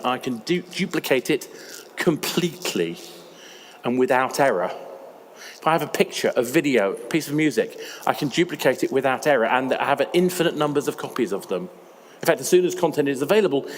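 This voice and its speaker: A man's voice: mid-range voice, a little hiss or hum. Man giving a talk in a hall. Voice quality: slightly raspy. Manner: conversational, emphatic, with fillers. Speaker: conference speaker. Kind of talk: conference talk. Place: large conference hall. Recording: reverberant hall with faint ambience.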